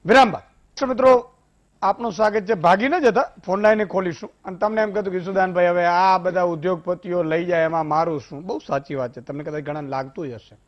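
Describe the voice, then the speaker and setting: A man anchors a TV news debate in a studio, speaking with a Gujarati accent. His voice sits high and his delivery is impassioned and rhetorical. He moves between loud appeals and quiet, hushed storytelling. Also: fast talker, dull audio. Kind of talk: animated TV debate hosting with a folk story.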